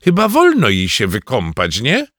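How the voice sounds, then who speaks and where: A man voicing a flustered, defensive mother in a storybook reading, hushing and scolding. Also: medium pitch, wildly swooping pitch, moderate pace, no echo, studio quality.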